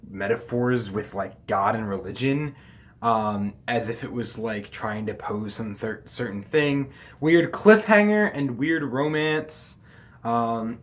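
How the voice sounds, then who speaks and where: A young man giving a loose, casual spoken review, full of fillers, swearing freely and dropping his voice low on asides. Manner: loose and rambling, many fillers, frequent swearing; pitch and loudness swing widely, drops low on asides. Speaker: anime reviewer.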